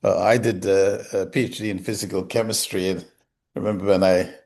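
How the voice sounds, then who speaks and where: A man's voice: low voice, little pitch movement, brisk, a little mellow. A man from Guyana hosting an interview, asking questions in a friendly, conversational way. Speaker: host.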